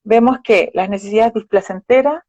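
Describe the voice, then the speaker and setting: A woman's voice: on the high side, normal speed, a little mellow, no room sound. A woman psychologist, patiently explaining with examples in a live conversation. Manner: patient, explanatory, gives examples with quoted phrases. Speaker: psychologist guest. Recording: dull, dry live-stream audio.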